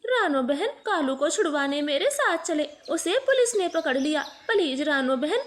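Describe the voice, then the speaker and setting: A fretful young female crow from a cartoon, worried for her husband, as a woman puts her on. Her voice is high and climbs higher as she begs for help. Her pitch swings all over. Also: expressive, moderate pace. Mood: anxious. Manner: anxious, pleading.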